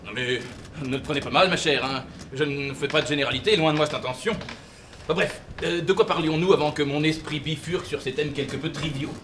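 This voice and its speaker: An actor on a theatre stage playing a pompous, long-winded traveller who lectures about whisky. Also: male voice, on the high side, steady tone, brisk, a bit bright, slight background noise, close to an everyday voice. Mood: pedantic. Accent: French. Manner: pedantic, fussy, long-winded. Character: pompous middle-aged male whisky-loving traveller. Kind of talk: amateur stage play.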